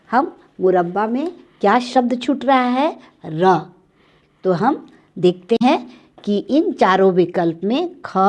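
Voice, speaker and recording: A woman teacher giving a spelling lesson to young children, spelling words out letter by letter and explaining them gently. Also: medium pitch. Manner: gently addresses the children, with simple questions and explanations. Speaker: primary school teacher.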